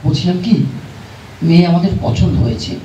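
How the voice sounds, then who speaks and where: A man playing a hesitant village father in a comic puppet show, with halting phrasing. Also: high voice, lively intonation. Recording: roomy, distant, dull pickup with music.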